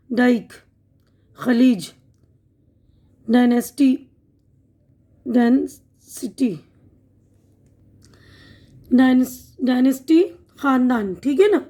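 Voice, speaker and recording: A woman teaching an online spoken-English lesson, explaining words slowly and repeating each one, often checking in with her listeners. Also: sits high, a little mellow. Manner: checks in with "theek hai na".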